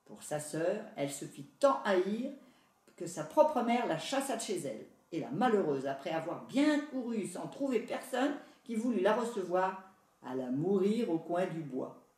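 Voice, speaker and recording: A woman reads a fairy tale aloud in a steady storytelling voice with a mellow, warm tone. The sound is roomy, with her voice set back from the microphone. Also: fairly low pitch, measured pace. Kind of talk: storybook narration. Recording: echoey room, voice far from mic.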